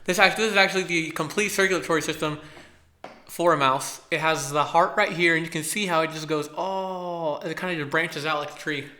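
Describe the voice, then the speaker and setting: A young man with a lisp that slurs his s sounds, giving an informal, halting research presentation as a student presenter. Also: a little high, steady tone, bright, forceful tone. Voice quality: lisp from braces, slushy s sounds. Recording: echoey room sound.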